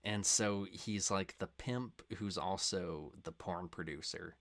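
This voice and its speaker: A young man hosting a reaction video, talking in a rambling, filler-heavy way that swings into loud, impassioned rants. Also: low-pitched, takes it slowly. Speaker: reaction channel host. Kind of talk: casual reaction commentary.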